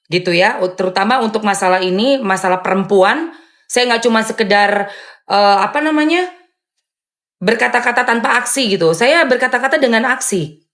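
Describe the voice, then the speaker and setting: A woman hosting a live stream and answering viewer comments in a loud, firm, blunt way, with sharp emphatic rises on dismissive phrases. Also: mid-range voice, normal speed. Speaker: live-stream host and content creator.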